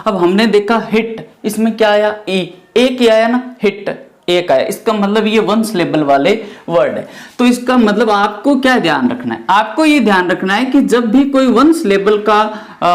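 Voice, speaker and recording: Man teaching grammar. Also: sits high. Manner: explains step by step, often asks and answers his own questions. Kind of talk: classroom lecture.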